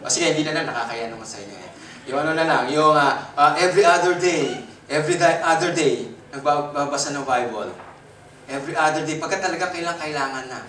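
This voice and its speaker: Filipino guy preaching, loud jumps n laughs, echoey church, bit of background noise. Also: fast talker. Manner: animated, jumps in pitch and loudness, laughs often. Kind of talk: Taglish sermon. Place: church worship service. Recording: echoey hall, from a distance.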